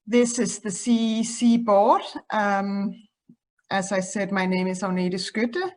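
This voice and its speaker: A woman from Denmark, a non-native English speaker, giving a conference presentation as an association president, pausing often with ums. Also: mid-range voice, steady tone, darkish tone. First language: Danish. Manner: hesitant, many ums.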